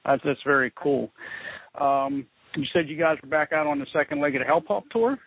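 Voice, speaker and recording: Gravelly-voiced man on a hissy phone line. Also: fairly high pitch, brisk, no echo. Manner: laid-back, calls the guest "man". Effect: heard over a phone line. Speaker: magazine interviewer. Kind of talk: casual phone interview. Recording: tinny phone line with hiss.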